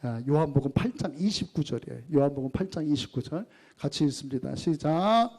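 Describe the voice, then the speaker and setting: A male pastor preaches a sermon, questioning the congregation and guiding them through scripture readings as he shifts between raised and quiet phrases. His voice is a little high, expressive and a little fast.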